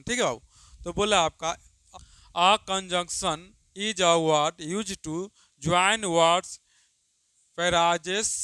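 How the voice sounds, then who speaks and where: Guy teaching grammar, high bright clear voice, keeps asking then answering himself. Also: no room sound. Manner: repeats questions and answers them himself, calls students "babu"; drawn-out dictation of example sentences. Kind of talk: Hindi grammar lesson.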